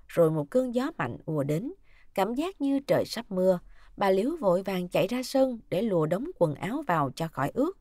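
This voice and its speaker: A woman narrating a dramatic story in an expressive, scripted reading. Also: medium pitch, no room sound, studio quality.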